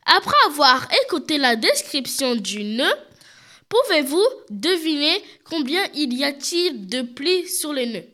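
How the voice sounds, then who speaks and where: A woman's voice: high voice, big pitch swings, unhurried, bright, forceful tone. A woman hosting a show, presenting products and talking straight to the viewers. She has a cold and describes each item in detail. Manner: addresses viewers directly, describes items in detail. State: stuffy with a cold, coughing.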